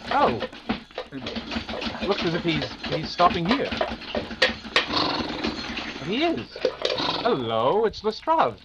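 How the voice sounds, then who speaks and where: A man playing Sherlock Holmes, a courteous, authoritative gentleman detective, in an old-time radio mystery style. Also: high-pitched, wildly swooping pitch, exaggerated voice. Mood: affable. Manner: clipped, deliberate, polite, deductive. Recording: dull, noisy audio with clicks.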